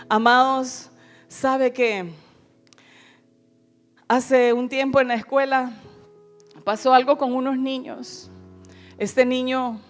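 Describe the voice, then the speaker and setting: A middle-aged woman pastor preaching a sermon in an earnest, pleading way, often calling her listeners beloved. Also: on the high side.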